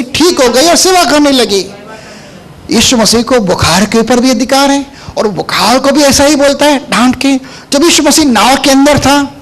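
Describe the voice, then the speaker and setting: A man's voice: very high voice, a bit bright. A male pastor preaching a sermon, firing rhetorical questions at the congregation and hammering points home with repetition. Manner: emphatic repetition.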